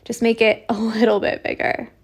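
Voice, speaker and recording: Chatty woman with a fry-edged voice. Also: a little high, monotone, normal speed, a little hiss or hum. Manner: chatty, lots of "like" fillers. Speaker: embroidery teacher. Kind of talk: casual livestream stitching lesson.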